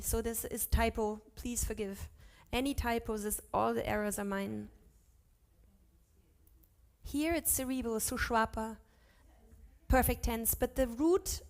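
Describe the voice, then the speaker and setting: Woman teaching Sanskrit verses. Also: on the high side. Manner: chants verses slowly, corrects herself aloud. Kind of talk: lecture on scripture with chanting. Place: ashram class.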